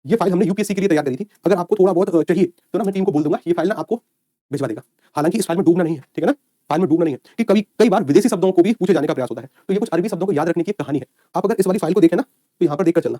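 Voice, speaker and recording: A man's voice: on the high side, dark tone, dry recording, clean studio sound. A man teaching an online exam-prep lecture, quizzing his students and answering his own questions, with folksy asides.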